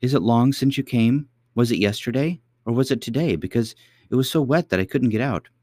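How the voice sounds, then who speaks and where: A man's voice: medium pitch, brisk, mellow, dry recording, studio quality, pitched above the performer's own voice, lightly acted. A man voicing a timid little princess girl who stammers and hesitates. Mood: curious.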